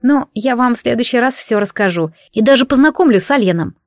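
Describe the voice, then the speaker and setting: A high, lilting young witch, chatty and coy, stretching her words with playful delight, as a woman reads her in an audiobook. The voice sits noticeably above a plain speaking tone, close and dry with no room sound. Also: animated, fast talker, a little mellow, dry recording.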